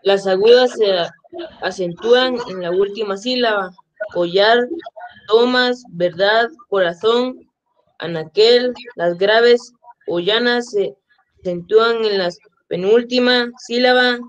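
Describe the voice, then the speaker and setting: A student reads a textbook passage aloud on a video call, slow and careful. She restarts some of the longer words. The sound is dull and lo-fi. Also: mid-range voice.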